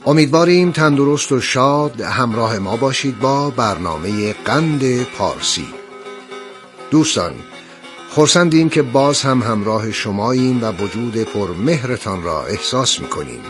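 A man's voice: mid-range voice, expressive, soft background music. Formal male program host. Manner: formal, warm-toned recitation. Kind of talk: scripted storytelling and poetry narration.

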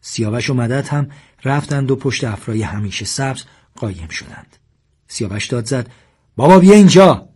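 A man narrating a story aloud in a quiet, steady way. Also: mid-range voice, husky.

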